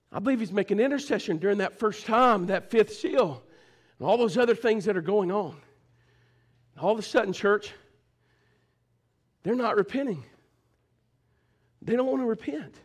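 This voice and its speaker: Guy preaching, really high voice, calls out to the church, loud then hushed. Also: lively intonation, normal speed, long pauses. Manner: fervent preaching, calls out to the congregation; swings between shouting and hushed low talk. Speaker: pastor. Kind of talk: sermon. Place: church service.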